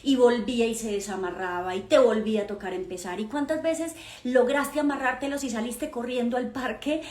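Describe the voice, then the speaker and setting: A woman's voice: a little high, moderate pace, darkish tone. A woman gives a live motivational lesson, telling stories fondly with pet names, diminutives and emphatic asides to the listener. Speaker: mother and personal-growth speaker. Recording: roomy echo.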